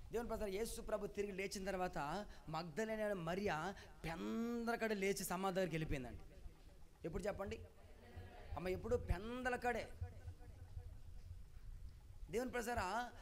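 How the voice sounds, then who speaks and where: A male pastor preaching a sermon at a Sunday service. He calls out to the congregation for responses and swings between quiet asides and loud, emphatic exclamations. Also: high voice.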